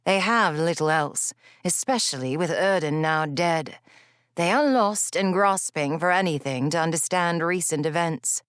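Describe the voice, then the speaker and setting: A woman voicing a skeptical witch with a gravelly voice and a blunt, matter-of-fact manner. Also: fairly low pitch, measured pace, dry recording, studio quality, natural voice.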